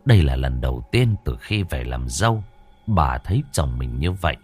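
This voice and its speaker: A man's voice: rumbling low, very animated, moderate pace, a little mellow, slightly rough, faint music behind. A man narrating a ghost story expressively.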